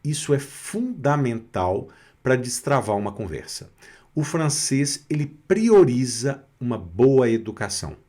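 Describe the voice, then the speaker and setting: A man's voice: medium pitch, big pitch swings, unhurried, mellow. A middle-aged Brazilian man leads a beginner language lesson in a mid-range voice. He is patient and methodical, repeating each word and often checking that his students are keeping up. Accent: Brazilian Portuguese. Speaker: French teacher.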